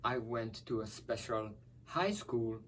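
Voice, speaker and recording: Middle-aged male guest, upbeat and animated, medium voice, recorded at a distance from the mic. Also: medium pitch, slow pace, slight background noise. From Hungary. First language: Hungarian. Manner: cheerful, laughs often, animated storytelling. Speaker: guest musician. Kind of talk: conversational interview.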